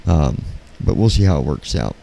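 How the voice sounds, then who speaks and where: A man live-streaming in casual, halting talk, keeping his voice quiet at night so as not to wake anyone. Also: very deep voice, sing-song, creaky. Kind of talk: casual chat, flight sim livestream. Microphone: handheld studio microphone.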